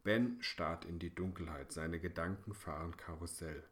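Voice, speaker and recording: A man narrating a children's bedtime story in a hushed, suspenseful way. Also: deep voice, moderate pace.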